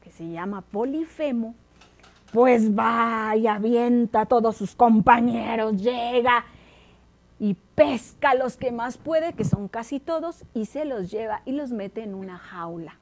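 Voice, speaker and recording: Animated Mexican woman storyteller. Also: a little high, measured pace. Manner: animated, dramatic, addresses listeners directly. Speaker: storyteller host. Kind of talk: children's storytelling.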